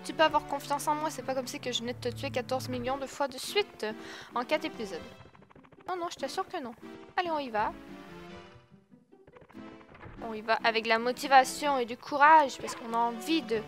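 A woman's voice: sits high, fairly quick. A young woman commentating her own gameplay, shrieking at setbacks and scolding the game character. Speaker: let's play gamer. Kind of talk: excitable gaming commentary. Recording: game music playing behind her voice.

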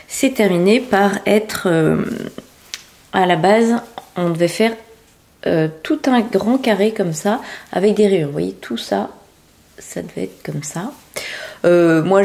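A woman hosts a casual knitting and sewing podcast, her voice on the low side and a little mellow. She chats away with frequent hesitations and fillers while showing her work to the camera.

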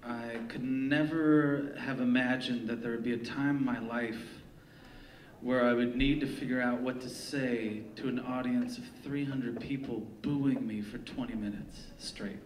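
A man's voice: medium pitch, a little slow, a little hiss or hum. Wry man telling stories on stage. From Long Beach, California. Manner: wry, deadpan, profane humor. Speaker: storyteller, poet. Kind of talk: live comic storytelling. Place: theater stage before a live audience. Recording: echoey theater, distant mic, crowd laughter.

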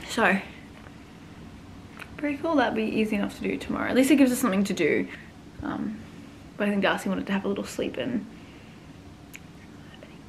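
A woman's voice: mid-range voice, creaky. A woman in her twenties talking candidly to a close-held phone camera in a small room, rambling with fillers. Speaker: travel vlogger. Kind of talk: casual vlog chat. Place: small indoor room at accommodation.

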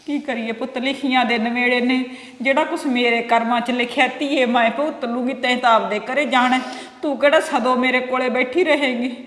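A wronged older mother-in-law, played by a woman pours out sighing complaints in a high Punjabi-accented voice. The sound rings in an echoey room with a long tail. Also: fairly even intonation, normal speed, fairly bright tone. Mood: lamenting.

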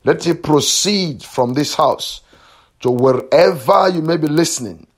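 A male pastor leads a prayer line with a slow, deliberate delivery. His voice sits a little high for a man. He chants the same phrases over and over and gives fervent commands, with stretches of speaking in tongues. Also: slightly rough. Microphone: phone or call line.

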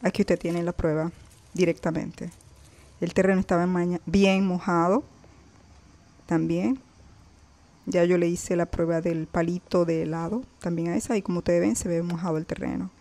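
Filming her balcony plants outdoors, a woman chats directly to her viewers in a casual gardening vlog and calls attention to things along the way. She speaks at a moderate pace in a fairly low, steady, mellow voice.

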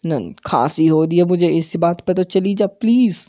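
A man giving live gameplay commentary for his channel, tense and excitable, dropping English words into his play-by-play. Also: high-pitched, moderate pace, no room sound, studio quality. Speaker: gaming channel host.

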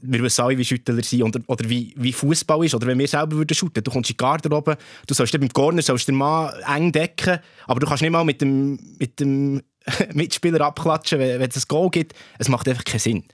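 Swiss German male guest, rapid and rambling, mid-pitched voice. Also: no room sound, clean studio sound. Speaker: podcast guest. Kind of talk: casual football chat.

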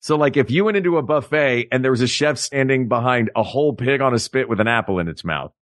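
A male podcast co-host in playful, joking conversation. His voice leaps up and down with lively expression. The sound is dry and close, with no room around it. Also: quick pace, no echo. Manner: animated, playful, builds up jokes with big pitch swings. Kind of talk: comedic casual chat.

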